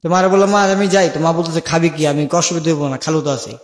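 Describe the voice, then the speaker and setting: Recorded in an echoey space with long reverb, a young Bangladeshi man recounts his life as an interview guest in a radio-style format. He speaks colloquially, performs remembered conversations, and has a slightly high, steady voice, talking quickly.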